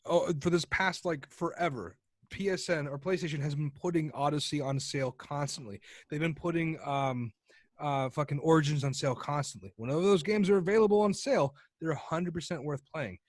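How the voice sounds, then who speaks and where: Excitable high-voiced man telling stories. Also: a little fast, no room sound, studio quality. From United States. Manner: rambling, profane storyteller who acts out quoted characters. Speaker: podcast co-host. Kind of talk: casual chat.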